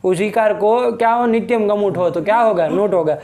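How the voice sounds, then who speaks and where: A man with a high, light voice teaching grammar to a class. He keeps quizzing his students, checking again and again whether they have followed. He is recorded in a classroom. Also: normal speed, a little mellow. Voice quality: questioning, prompting students with repeated checks. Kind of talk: classroom grammar lesson, question and answer.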